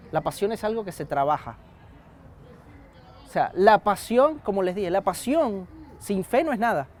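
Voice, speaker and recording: A young man with a Venezuelan accent preaching a sermon in a conversational way, often asking his congregation questions. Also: high voice.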